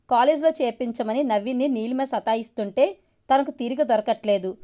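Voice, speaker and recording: Lady reading a story out loud, kinda high voice, steady audiobook telling. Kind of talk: audiobook narration of a novel.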